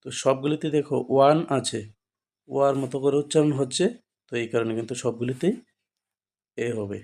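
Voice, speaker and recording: A man with a Bengali accent, at a middle pitch for a man, leads a grammar lesson in a steady classroom manner. He goes over each rule several times and breaks it up with quick checking questions to his students. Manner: repetitive, checks understanding with frequent rhetorical questions. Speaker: English grammar teacher.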